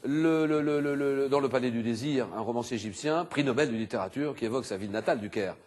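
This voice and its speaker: A man hosting a TV quiz show, animated and exclamatory, reading clues and teasing contestants in a studio. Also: mid-range voice, quick pace.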